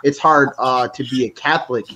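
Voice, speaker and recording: A man from the United States hosting a podcast, explaining his thoughts in a relaxed, conversational way. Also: mid-range voice, normal speed. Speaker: podcast host. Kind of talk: casual conversation. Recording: slightly muffled with faint hiss.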